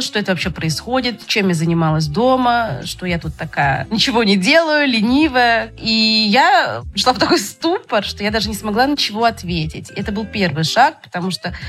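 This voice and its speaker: Woman guest telling her own story, medium pitch, faint music in the back. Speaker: podcast guest. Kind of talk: personal storytelling in conversation.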